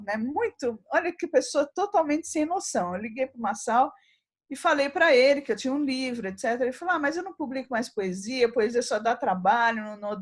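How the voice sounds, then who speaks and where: Lively Brazilian woman telling a story. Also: on the high side. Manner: animated storyteller, acts out dialogue and laughs often. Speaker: poet, interview guest. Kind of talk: anecdotal interview storytelling.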